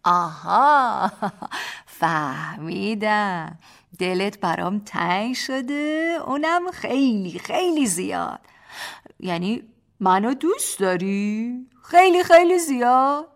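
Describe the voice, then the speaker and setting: A woman's voice: mid-range voice, animated, close to an everyday voice. A woman voicing a playful young husband who talks in a sing-song, childlike way to tease his wife and children. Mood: teasing. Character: playful young husband using baby talk.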